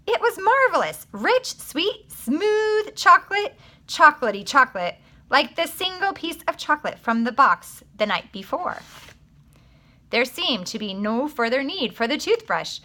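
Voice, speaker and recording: A woman reading a children's chapter book aloud, with lots of expression. Her voice is bright and lifts high, and it swoops up and down as she reads. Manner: expressive, animated.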